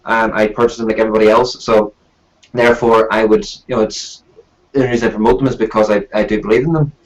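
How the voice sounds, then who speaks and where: A man with a fairly low voice hosts a casual live stream. He talks informally, like a reviewer chatting with regular viewers. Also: fairly even intonation, fast talker, rough recording.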